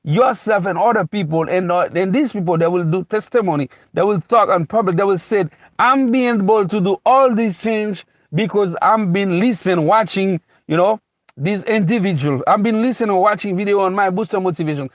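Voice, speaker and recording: At normal speed and in a high voice, this Haitian-born speaker living in America gives a wandering, unscripted motivational talk, restarting phrases, repeating himself, and saying "you know" frequently. The recording is dry and muffled.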